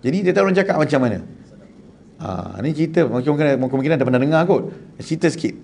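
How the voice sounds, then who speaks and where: A man with a Malaysian Malay accent giving a humorous Quran lesson, telling animated stories with teasing asides. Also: a little high, fast talker, gravelly, slight background noise. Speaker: Quran teacher.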